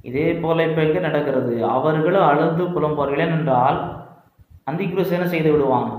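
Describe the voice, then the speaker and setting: ஒரு ஆண் பைபிள் வகுப்பு நடத்துகிறார். அவர் வசனங்களை உரக்க வாசிக்கிறார், தானே கேள்வி கேட்டு தானே பதில் சொல்கிறார். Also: male voice, fairly high pitch, phone-quality sound. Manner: asks questions and answers them himself, reads verses aloud. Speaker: Bible teacher. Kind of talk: Bible study lesson. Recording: very echoey room.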